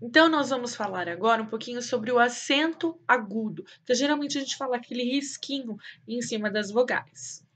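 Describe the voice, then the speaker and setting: A woman with a Brazilian Portuguese accent, teaching a cheerful remote class and saying example words slowly and loudly. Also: a little high. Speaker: schoolteacher.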